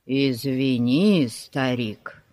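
A reader voicing a fat, smug boy who drags out his words slowly. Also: mid-range voice, darkish tone, no room sound, voice pushed down. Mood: drawling. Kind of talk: audiobook character voice.

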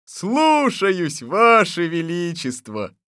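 A man voicing an eager, servile male palace servant who answers in loud, dutiful replies. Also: sits high, wildly swooping pitch, extremely slow, clean tone, dry recording, studio quality, voice pushed up, heavily acted.

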